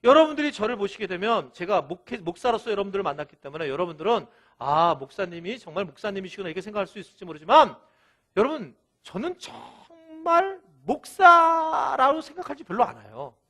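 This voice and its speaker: A male pastor delivering a sermon in an animated, storytelling way, acting out quoted lines, with a thin, light voice. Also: high-pitched, fairly quick.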